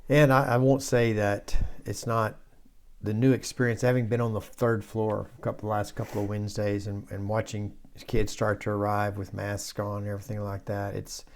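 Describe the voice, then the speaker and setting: A soft-voiced man talking casually and haltingly as the host of a church discussion, like a pastor. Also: on the low side, little pitch movement, slight background noise.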